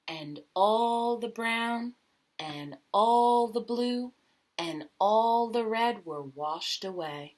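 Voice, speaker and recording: A woman with a medium-pitched, slightly rough voice reads a children's picture book aloud with expression. She stretches out key words and slips into quieter asides, posing questions to her young listeners.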